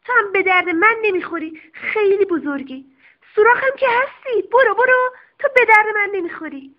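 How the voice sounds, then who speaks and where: A woman voicing a jittery female cockroach hiding under a cupboard, in a hushed, hurried, shooing manner, on a dull lo-fi recording. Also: very high voice, animated, pitched above the performer's own voice. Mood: nervous shooing.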